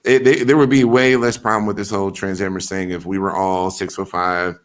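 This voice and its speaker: A man's voice: sits low, level tone, brisk. A man hosting a podcast in a loose, blunt casual chat, full of fillers and swearing. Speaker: podcast host.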